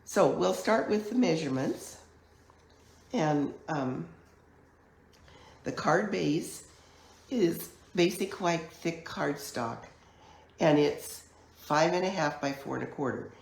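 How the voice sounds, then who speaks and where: A woman with a croaky, hoarse voice from a chest cold, giving a chatty, step-by-step live online card-making class at her craft table. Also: low voice, expressive, darkish tone. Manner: chatty, unhurried step-by-step explaining. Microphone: camera mic at a craft table. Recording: echoey room.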